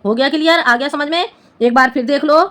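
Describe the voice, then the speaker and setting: A young woman with a bright, high voice briskly takes her students through a Hindi poem, explaining each line in a patient, classroom-like way. She checks repeatedly that everyone has followed.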